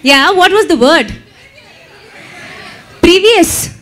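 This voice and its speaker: Lively woman emceeing a crowd. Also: extremely high pitch, slow pace. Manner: lively, teasing crowd banter. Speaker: event emcee. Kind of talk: live audience hosting. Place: event venue with live audience.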